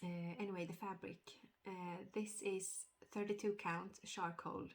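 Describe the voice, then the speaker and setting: A woman with a cold, sounding a little nasal, giving a casual stitching update vlog with many hesitant fillers and throat-clearing. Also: on the low side, little pitch movement, a little slow, slight background noise. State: has a cold, slightly nasal. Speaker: cross-stitch vlogger.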